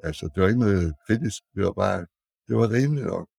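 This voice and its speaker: Older man with a deep gravelly voice. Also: expressive, darkish tone, no echo. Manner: halting, searching for words. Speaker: guest architect. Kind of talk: anecdotal podcast storytelling.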